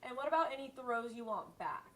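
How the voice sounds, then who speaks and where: A woman's voice: a little high, animated, fairly quick, fairly bright tone. A woman interviewing a guest, asking short questions and giving encouraging interjections.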